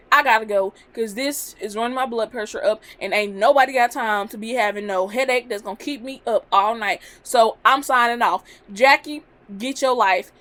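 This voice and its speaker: A woman's voice: high voice, a bit bright. A woman in her twenties giving a blunt, sassy casual review of a reality show, full of slang. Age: 20s.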